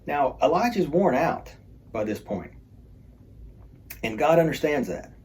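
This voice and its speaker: Mellow-voiced man teaching Bible study. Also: a little high, big pitch swings, unhurried. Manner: conversational, with joking asides.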